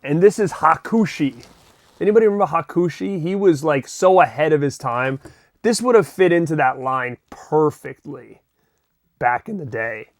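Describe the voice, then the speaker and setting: A middle-aged man hosting a casual unboxing vlog, chatty and excitable, swearing now and then. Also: a little high, normal speed, dry recording. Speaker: collector vlogger and host.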